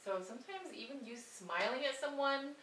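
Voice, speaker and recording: A woman's voice: high-pitched, animated, moderate pace, crowd noise. A woman hosting a casual, heartfelt chat with friends, talking with many fillers. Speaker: host of an eating chat video. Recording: roomy, distant, faint hiss.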